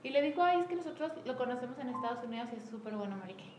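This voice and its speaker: A Mexican woman leading a sales team meeting in casual motivational talk, acting out quoted dialogue with lively shifts. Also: fairly high pitch, racing. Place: room with a small group present. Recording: echoey room, faint background noise.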